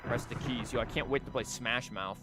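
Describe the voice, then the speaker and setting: A game streamer talks casually over game music while livestreaming, joking, rambling off on tangents, and reading dialogue aloud. His voice is medium in pitch and a little fast.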